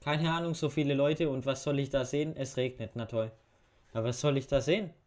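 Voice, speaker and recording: A man's voice: mid-range voice, steady tone, fairly quick, darkish tone. A young man reading quiz questions aloud and muttering wry answers in a casual home video commentary. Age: young adult. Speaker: YouTuber. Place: bedroom at home. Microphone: webcam facecam.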